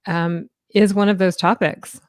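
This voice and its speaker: A woman co-hosting a casual talk show, calm and thoughtful, with easy laughs. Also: medium pitch, unhurried, dry recording, studio quality. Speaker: podcast co-host. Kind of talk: casual conversation.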